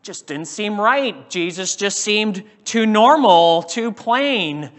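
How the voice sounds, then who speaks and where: Male preacher, sermon, dramatic delivery; bright tone, echoing hall. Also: sits high, lively intonation, takes it slowly. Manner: dramatic, acts out quoted speakers.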